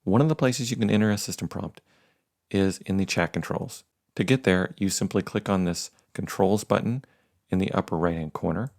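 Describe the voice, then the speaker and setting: Low, gravelly man explaining software. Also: moderate pace. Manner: plain, explanatory, with frequent "uh" fillers. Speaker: software tutorial presenter. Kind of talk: screen-recorded tech tutorial.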